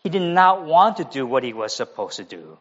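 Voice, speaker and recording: A man's voice: a little high, lively intonation, fairly quick, dull audio. A man from America with an American accent, preaching an expository sermon with conversational asides. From United States. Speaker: pastor.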